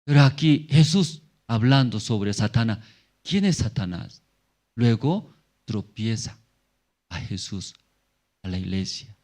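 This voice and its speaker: Male pastor preaching slowly, halting phrasing, many tag questions, jumps from loud highs to quiet lows. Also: lively intonation. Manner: swings between emphatic high bursts and low murmurs. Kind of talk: sermon. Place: church.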